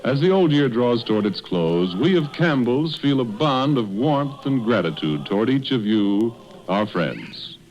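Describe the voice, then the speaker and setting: A man's voice: medium pitch, darkish tone. A man reading a scripted sponsor message as an old-time radio announcer, polished and earnest. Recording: dull old radio, faint music.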